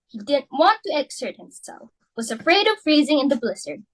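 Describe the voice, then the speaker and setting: A high-pitched woman, captured on poor audio, reads the part of an overbearing mother and hostess with big social ambitions in a staged play reading. Her manner is commanding, theatrical and scolding.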